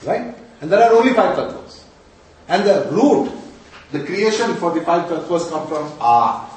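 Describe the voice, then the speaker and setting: A man's voice: high voice, expressive, measured pace. North indian guy teaching spiritual stuff, repeats himself and quizzes you, super echoey, far from the mic. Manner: didactic, repeats phrases, asks rhetorical questions. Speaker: Vedic astrology and mantra teacher. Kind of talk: spiritual lesson with chanted syllables. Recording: very echoey room, distant mic, faint noise.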